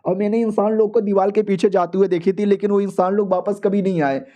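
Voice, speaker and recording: Male storyteller, high and mellow, casual slangy recap. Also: steady tone, fast. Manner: slangy, playful, switches into character voices. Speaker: narrator.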